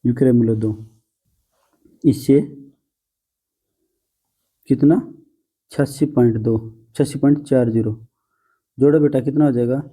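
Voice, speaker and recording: A man's voice: medium pitch, steady tone, a little slow, pauses often, warm tone, breathy edge. A man teaching a math lesson to students, patient and coaxing, often calling them "beta" and teasing them a little.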